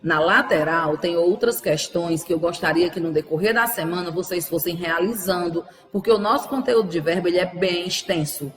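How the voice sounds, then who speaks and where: A woman's voice: on the low side, moderate pace, few pauses. Brazilian woman teacher, patient and affectionate with children, long reverb and faint music in the background. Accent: Brazilian Portuguese. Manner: patient, didactic, asks rhetorical questions; affectionate, uses diminutives with pupils. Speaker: primary school teacher. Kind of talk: recorded remote grammar lesson for children.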